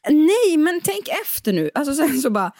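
A young woman with a fairly high voice chats on a podcast. She rambles, restarts her sentences and laughs easily. The sound is dry and close, with no room in it. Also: sing-song, darkish tone, no echo. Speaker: podcast co-host. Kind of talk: casual podcast chat.

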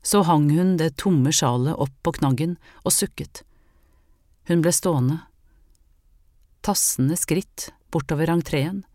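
Low, warm-voiced woman reading a novel. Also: pauses often, no echo, clean studio sound. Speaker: audiobook narrator. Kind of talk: scripted narration of a novel.

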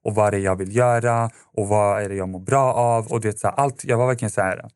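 A man's voice: lowish voice, steady tone, a little mellow, smooth, dry recording, studio quality. A man, a podcast guest, telling a personal story in a casual, rambling way with lots of fillers and restarts.

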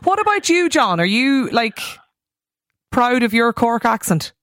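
A woman's voice: on the high side, very animated, measured pace, fairly bright tone, no echo, studio quality. A woman with an Irish accent hosting a radio phone-in, putting questions to callers in a conversational broadcast style.

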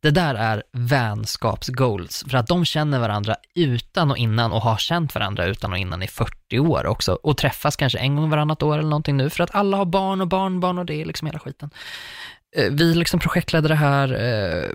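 A man's voice: mid-range voice, expressive, no room sound, studio quality. A young adult man in casual chat, telling a long personal story in a rambling way full of fillers and restarts. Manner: rambling, filler-heavy, warmly anecdotal.

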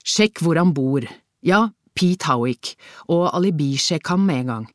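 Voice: medium pitch, no room sound, clean studio sound, voice pushed up, lightly acted. A reader voicing an urgent male police chief. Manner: urgent, barking orders. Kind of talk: audiobook character voice.

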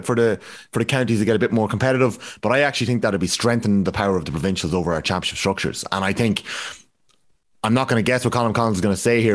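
A man with an Irish accent hosting a casual sports discussion. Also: fairly low pitch. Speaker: podcast host.

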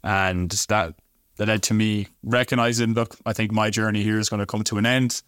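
A man's voice: on the low side, steady tone, normal speed, a bit bright, clear, resonant tone, no room sound, clean studio sound. A man with a west of Ireland accent, a kicking coach telling his story in interview style. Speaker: kicking coach, former pro kicker.

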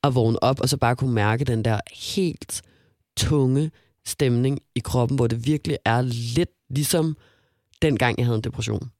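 A young man chatting casually on a podcast, telling a story with lively acted-out quotes. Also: medium pitch, no echo, clean studio sound. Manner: animated, acts out quoted voices.

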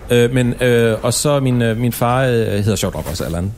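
A man from Aarhus, a podcast guest in a noisy café, answering in evasive, deadpan comic banter with lots of hesitation. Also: medium pitch. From Aarhus, Denmark. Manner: evasive, defensive, hesitant with many fillers.

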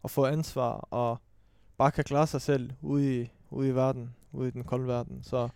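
A man's voice: medium pitch, level tone, creaky, darkish tone, clear, resonant tone. A young man co-hosting a podcast in casual chat, speaking hesitantly and reflectively. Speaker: podcast co-host.

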